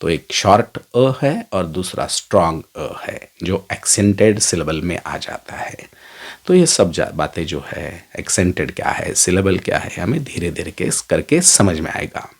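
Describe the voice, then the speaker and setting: A middle-aged man teaching a phonetics lesson, drawing out each vowel sound slowly as he models it. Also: deep voice, big pitch swings. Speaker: English teacher.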